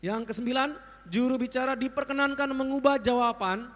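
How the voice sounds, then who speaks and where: A woman's voice: sits high, fairly quick. A woman formally reading out competition rules as a judge. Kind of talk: formal rule reading to contestants. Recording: reverberant hall.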